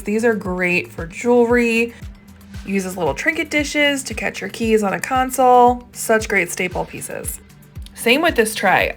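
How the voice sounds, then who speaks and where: A woman's voice: medium pitch, gravelly. A woman host narrating a casual thrifting vlog, gushing with enthusiasm over each find.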